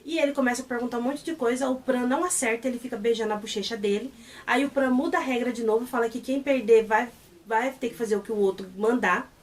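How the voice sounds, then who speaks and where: A woman's voice: fairly high pitch, quick pace, distant mic. Gushing Brazilian woman, somewhat off-mic. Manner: gushing, excitable retelling. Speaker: channel host reviewing a series. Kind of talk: casual review vlog.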